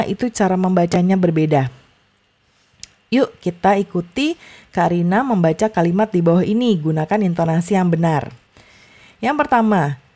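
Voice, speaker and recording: Mellow-voiced woman tutoring small children. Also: on the low side. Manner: chatty, many fillers and tag "ya"; exaggerated emphasis when modeling intonation. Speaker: online tutor. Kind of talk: casual explaining lesson to young children.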